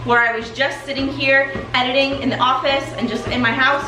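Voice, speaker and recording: Higher-voiced woman chatting while walking, echoey room. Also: little pitch movement, fairly quick. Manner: talking while walking in place for exercise. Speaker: weight loss coach and host. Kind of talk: motivational chat to followers. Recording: echoey room with music underneath. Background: music.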